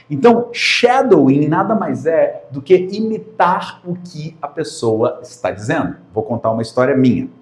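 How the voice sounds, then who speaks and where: Brazilian teacher, male, energetic and emphatic, repeats for emphasis, echoey room. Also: mid-range voice. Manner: lively, emphatic, repeats key words. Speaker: English teacher. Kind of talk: video lesson. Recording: roomy echo.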